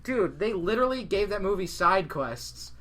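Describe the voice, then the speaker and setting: A man's voice: high voice, big pitch swings, moderate pace, a bit bright. A young man co-hosting a podcast in casual chat, laughing often and swearing freely. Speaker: podcast co-host.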